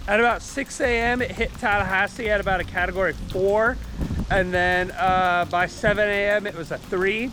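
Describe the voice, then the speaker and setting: High-pitched man, raised voice over storm wind. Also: steady tone, moderate pace. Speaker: vlogger giving storm updates. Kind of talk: casual vlog talk to camera. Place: outdoors in wind and rain.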